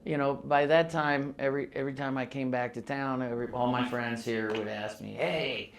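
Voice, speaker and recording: A man in his sixties spins loose, rambling stories in a casual interview, with a voice of ordinary pitch. He grew up between the US and Mexico, laughs easily and often circles back to restart his sentences. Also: flat delivery, a little fast, slight background noise. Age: 60s. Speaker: musician interviewee. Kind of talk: casual oral-history storytelling.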